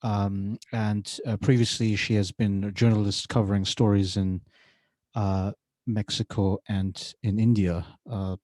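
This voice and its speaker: A man's voice: fairly low pitch, flat delivery, a little slow, darkish tone, dry recording. A man hosting a casual interview podcast, speaking hesitantly with many filler sounds between words. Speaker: podcast host. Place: university setting.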